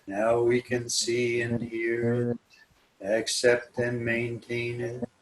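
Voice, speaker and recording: A male Zen teacher recites a verse solemnly. The pitch stays almost completely flat and the words come slowly and deliberately. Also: low-quality recording.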